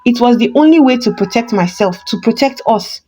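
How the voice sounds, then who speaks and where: A woman's voice: fairly high pitch, lively intonation, a little fast, mellow, slightly rough. A woman voicing a cold, scheming male pastor, hissing in anger in a storybook narration. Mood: furious. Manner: cold and calculating.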